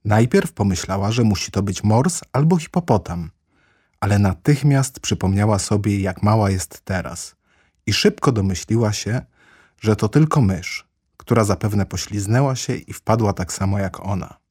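A man reads a storybook aloud in a calm, measured way. His voice is low, dark and husky. The sound is close and dry. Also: no echo. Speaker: audiobook narrator. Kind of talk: storybook narration.

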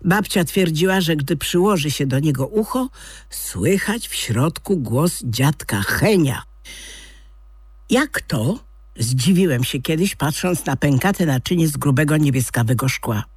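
An audiobook reader narrating a story in an expressive, lively manner. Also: medium pitch, unhurried, husky, no room sound.

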